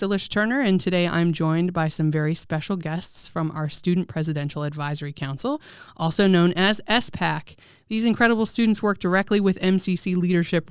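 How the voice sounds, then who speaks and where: A woman's voice: mid-range voice, clear, resonant tone, dry recording, clean studio sound. Chatty woman podcast host. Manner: upbeat, chatty, with fillers. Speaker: podcast host, student life coordinator. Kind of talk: podcast hosting and interview.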